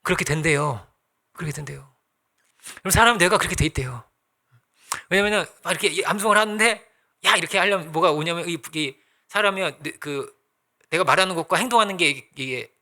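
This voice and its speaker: A man's voice: on the high side, lively intonation, brisk, sharp tone. A man pastor preaching a sermon in a conversational way, asking the congregation questions and acting out little quoted exchanges.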